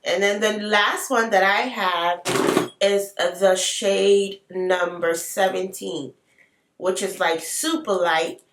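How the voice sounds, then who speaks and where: A woman's voice: mid-range voice, fairly even intonation, takes it slowly, heavy background noise. Chatty woman with an African accent. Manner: chatty, playful asides while swatching. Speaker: beauty vlogger. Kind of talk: casual makeup tutorial chat. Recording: roomy sound, mic at a distance.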